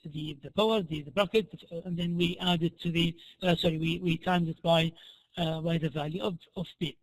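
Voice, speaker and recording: A man lecturing through worked examples in a hoarse, worn-out voice, halting and often repeating and restarting his phrases. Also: high-pitched, a bit bright, poor audio. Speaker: programming lecturer.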